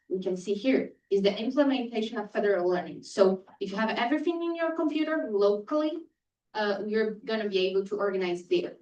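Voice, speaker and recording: A woman presenting a startup pitch and answering audience questions in a lively, teasing way. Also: lo-fi sound. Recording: echoey room, distant mic.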